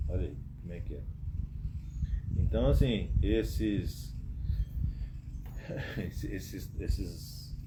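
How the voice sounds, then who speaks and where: A man hosting a live stream, telling rambling anecdotes and acting out the dialogue, with frequent tag questions. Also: low-pitched. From Brazil. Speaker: host. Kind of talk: casual live-stream storytelling. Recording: muffled live-stream audio with background noise.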